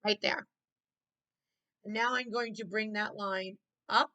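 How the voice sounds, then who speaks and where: A woman's voice: medium pitch, steady tone, slow, pushed and bright, rough recording. A woman art teacher leading children through a step-by-step drawing lesson, encouraging them with praise and prompts.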